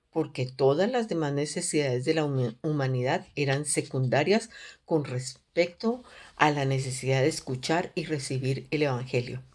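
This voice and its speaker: A woman teaching a Bible study in an earnest, measured way, often posing questions to her listeners. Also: low voice, a little mellow.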